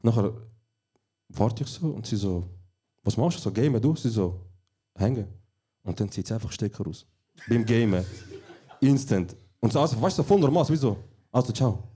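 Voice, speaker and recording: A young man with a Swiss German accent co-hosts a podcast recorded live, telling his stories in a laid-back, dry way. His voice is low, mellow and a touch husky. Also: lively intonation, moderate pace, long pauses. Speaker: podcast co-host. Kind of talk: casual chat recorded live. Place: small venue, live recording.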